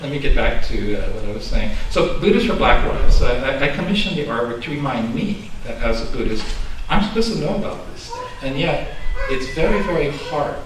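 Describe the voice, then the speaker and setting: Older guy from LA giving a dharma talk, lively up and down voice, lots of little chuckles, noisy hum behind. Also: medium pitch, brisk, hardly any pauses. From Los Angeles, USA. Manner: conversational and chuckling, self-deprecating. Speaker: Buddhist minister. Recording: echoey room, distant mic, background noise.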